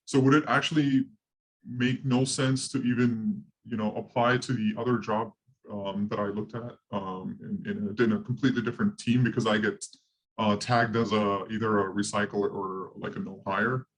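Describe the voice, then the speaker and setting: A man asking a question in a webinar, his voice digitally altered to a disguised deep tone, speaking haltingly with many fillers and restarts. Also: fairly even intonation, rough recording. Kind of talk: hesitant spoken question.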